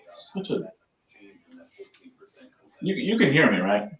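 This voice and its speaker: A podcast co-host calling in remotely, his voice tinny as if through a tin can. The sound is echoey and muffled, with little top end. He talks at an ordinary pitch in an easygoing, joking way, sometimes putting on a mock news-anchor delivery. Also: sing-song, slow, a crowd in the background. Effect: tinny tin-can sound from a poor remote microphone. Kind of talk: casual chat, then mock news-anchor commentary. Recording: echoey, dull lo-fi remote mic.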